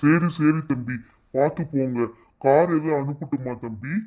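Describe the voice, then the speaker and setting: A fatherly cartoon policeman comforts his daughter, voiced by a man. His voice is mid-pitched and kind. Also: moderate pace, dark tone, lightly acted. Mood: grateful. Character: caring police officer father.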